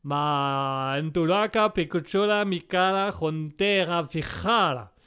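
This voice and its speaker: Guy doing a mock italian examiner, slow fake italian gibberish, smooth lowish voice, radio comedy bit. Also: a bit bright. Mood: theatrical. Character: gruff Italian male driving examiner, gibberish-speaking.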